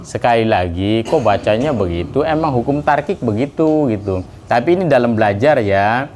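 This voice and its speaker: A man teaching Quran recitation to a class, speaking casually between verses and drawing the recited words out slowly. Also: mid-range voice, a little mellow. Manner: casual explanations in between, calls the class to repeat.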